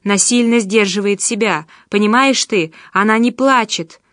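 A woman's voice: mid-range voice, measured pace, no echo, natural voice. Brief: woman narrator doing a raging, domineering man in an audiobook; dry, close sound. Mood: enraged. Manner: shouting, enraged. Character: furious domineering man in a castle.

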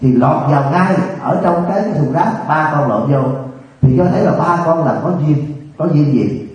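A man's voice: a little high, normal speed, darkish tone. A Buddhist monk, giving a dharma talk. He tells stories, acts out the dialogue and puts questions to the audience. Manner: storytelling, acting out dialogue, asking the audience questions. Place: meditation hall. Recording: echoey distant hall recording, dull.

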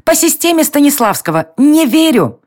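A woman voicing a tiny bossy female fairy with a squeaky, mock-lecturing voice in a storybook reading. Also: very animated, moderate pace, a little mellow.

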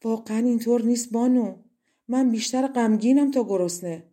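A woman's voice: mid-range voice, warm tone, close to an everyday voice. A woman voicing a sad, helpless young princess who pleads in despair. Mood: pleading.

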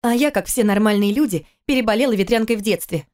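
A woman doing a sharp-tongued scolding wife. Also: mid-range voice, quick pace, lightly acted. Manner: scolding, sarcastic, urgent.

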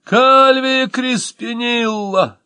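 A man voicing an excitable male poet who shrieks in a pompous, exalted way, in an audiobook. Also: fairly high pitch, slow pace, slightly rough, dry recording, full character voice.

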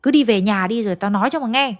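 A woman storyteller voicing a blunt, sharp-tongued village mother who speaks her mind with scorn. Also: fairly high pitch, fast talker, lightly acted. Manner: blunt, scornful, matter-of-fact.

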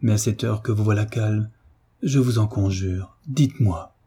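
A man reading a devoted tutor who speaks gently and earnestly to his pupil. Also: lowish voice, moderate pace, husky. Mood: gentle earnest.

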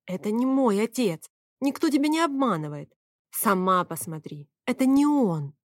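A woman's voice: fairly high pitch, expressive, normal speed, dry recording, studio quality, close to an everyday voice. A woman reading the part of an anxious young man who pleads urgently in an audiobook. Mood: pleading. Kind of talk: audiobook character voice.

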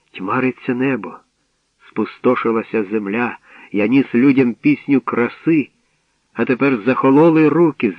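A man's voice: mid-range voice, no room sound, phone-quality sound, close to an everyday voice. A man reading grieving Orpheus pleading. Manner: pleading, rising with feeling. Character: Orpheus, grieving young male singer pleading.

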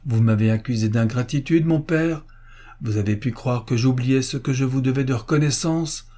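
A man's voice: a little high, animated, unhurried, mellow, breathy edge, pitched above the performer's own voice. A man voicing a young man pleading urgently and earnestly with his father in a storybook reading.

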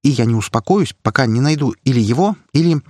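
A man's voice: medium pitch, animated, quick pace, darkish tone, no room sound, clean studio sound, voice pushed up, lightly acted. A man voicing Irina, a proud, fierce young noblewoman who speaks curtly and defiantly. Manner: curt, defiant.

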